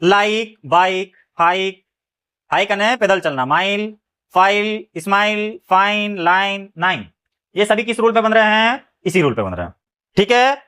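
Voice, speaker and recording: A man teaches phonics rules. He spells words out slowly, letter by letter, then stops to check that his students have followed. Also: high voice, sharp tone. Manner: spells words letter by letter, keeps asking "clear?". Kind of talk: phonics lesson.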